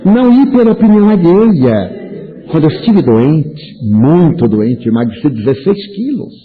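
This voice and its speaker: A man in his seventies with a Brazilian Portuguese accent lectures an audience, turning points into playful stories and acted-out exchanges. His voice sits a bit high and swings widely in pitch. The sound is narrow and tinny, like a telephone line. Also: moderate pace. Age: 70s. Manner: animated, humorous storyteller acting out dialogues. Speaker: spiritist lecturer.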